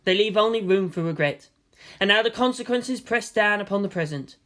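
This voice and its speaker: A story narrator reads fan fiction aloud as scripted drama, delivering it theatrically and solemnly. The voice is mid-range with lively intonation, brisk pacing and a fairly bright tone.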